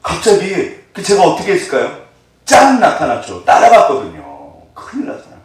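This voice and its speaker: 생동감 있게 설교하는 남자 목사. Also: male voice, high voice, brisk. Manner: lively preaching, many questions to the congregation. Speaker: pastor. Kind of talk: sermon. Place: church sanctuary. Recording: echoey hall, far from the mic.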